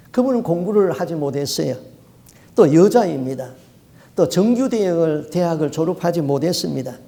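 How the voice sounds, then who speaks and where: High-voiced, mellow Korean pastor preaching. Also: male voice, vocal fry. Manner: storytelling preacher asking rhetorical questions; emphatic, repeats key words. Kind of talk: sermon.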